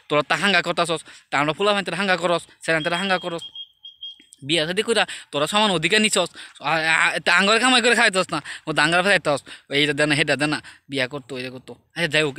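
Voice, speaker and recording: A man telling a story to his viewers in a chatty, conversational way, often dropping into hushed tones. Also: a little high, no echo. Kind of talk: casual storytelling monologue.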